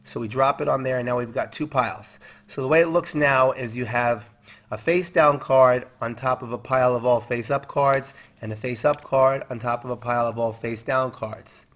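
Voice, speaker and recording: A man's voice: medium pitch, fairly even intonation, moderate pace, a bit bright. Man doing step-by-step card magician patter. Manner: step-by-step explaining, with counting and rhetorical questions. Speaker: magician demonstrating and teaching a card trick.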